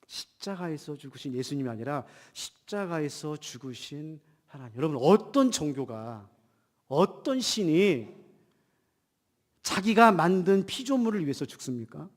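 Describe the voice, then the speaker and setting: In a large, echoing church, a male pastor delivers a Protestant Sunday sermon during a service, his voice high for a man. He has a cold, and his pitch ranges widely from emphatic declarations to hushed asides as he poses rhetorical questions to the congregation. The hall's long reverb is audible on the recording.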